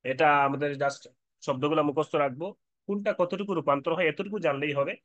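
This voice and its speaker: A man's voice: on the high side, quick pace, no echo, lo-fi sound. A man teaching an Arabic grammar lesson from a sheet, repeating terms and reciting lists of word forms.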